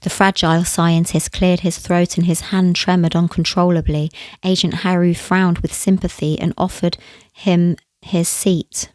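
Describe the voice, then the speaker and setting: A woman's voice: fairly low pitch, little pitch movement, measured pace, a little mellow, dry recording. A woman reading a novel aloud, now and then stopping to correct herself. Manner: stops to correct herself mid-read. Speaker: audiobook reader.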